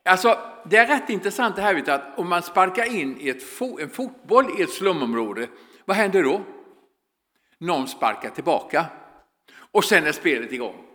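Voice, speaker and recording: A man stands before an audience in a large hall and tells stories. His voice sits a little high and the room answers with a long echo. He slips in and out of quoted dialogue with lively energy. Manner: animated storyteller, quotes people in dialogue. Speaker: speaker addressing an audience. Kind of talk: storytelling talk.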